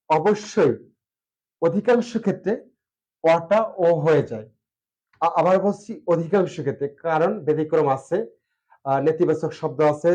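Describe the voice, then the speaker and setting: A man with a Bangladeshi Bengali accent lectures on pronunciation in a slightly raised but mellow voice. He speaks slowly and deliberately, stretching out each example word and filling his pauses with "ah". The recording is dull and lo-fi. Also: fairly high pitch. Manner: slow and deliberate, drawing out example words, frequent "ah" fillers. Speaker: teacher.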